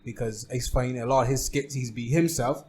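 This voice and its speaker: Man, podcast host, teasing banter with a loud hype streak, mid-pitched. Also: fairly even intonation, brisk, a little hiss or hum. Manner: playful, teasing, bursts into loud hype calls. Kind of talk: casual podcast chat.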